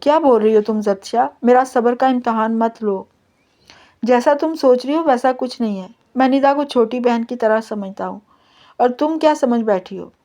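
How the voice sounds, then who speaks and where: A woman's voice: fairly high pitch, moderate pace, dark tone, natural voice. A woman reading the part of a teasing, stubborn young husband in her own voice. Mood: irritated.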